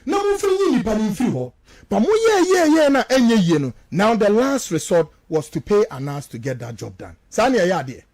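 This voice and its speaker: On a radio show, a Ghanaian-accented political commentator delivers impassioned, accusatory remarks, repeating phrases for stress and switching between two languages. He has a high voice with a darkish tone and sounds very animated, talking a little fast.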